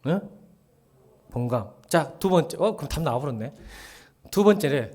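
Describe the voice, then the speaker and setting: Animated, joking male pastor. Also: a little high, moderate pace. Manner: chatty and joking, acting out quoted dialogue, often dropping to a murmur. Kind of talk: casual midweek sermon.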